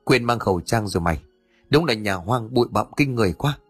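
A man's voice: fairly low pitch, animated, brisk, slightly rough, no room sound, soft background music. A man reading the part of a young male friend who complains in a casual way. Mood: grumbling.

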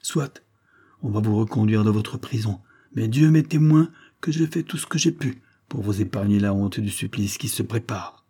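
A man's voice: fairly low pitch, normal speed, mellow, slightly rough. A man reading the part of a stern older magistrate, grave and formal.

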